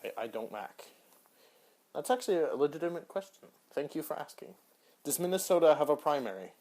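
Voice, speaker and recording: A man's voice: on the high side, lively intonation, fairly quick. Offhand young man rambling through questions. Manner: offhand, rambling, trails off quietly. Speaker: podcast host. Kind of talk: casual solo commentary answering search suggestions.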